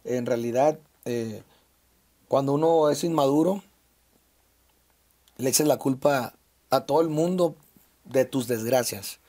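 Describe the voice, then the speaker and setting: A man in his thirties with a Mexican Sinaloa accent talks through his past in a relaxed interview. He speaks reflectively, pausing on fillers and restarting his phrases, at a medium pitch. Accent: Mexican Spanish, Sinaloa. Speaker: interview guest, singer. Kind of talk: casual conversational interview.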